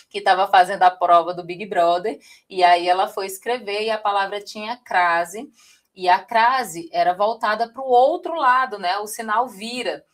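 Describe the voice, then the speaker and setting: A woman's voice: medium pitch, a little slow. A woman from Brazil teaching a live online writing class, talking straight to her viewers and often checking in with them. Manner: lively, addresses viewers directly, frequent "tá?" check-ins.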